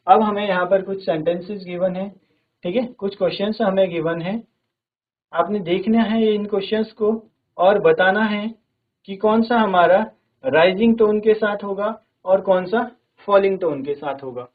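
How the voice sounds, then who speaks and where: A male teacher giving a virtual classroom lesson from a studio, explaining step by step and reading English sentences slowly and clearly. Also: sits high. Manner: explains step by step, repeating "theek hai" often. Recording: phone-like narrow band.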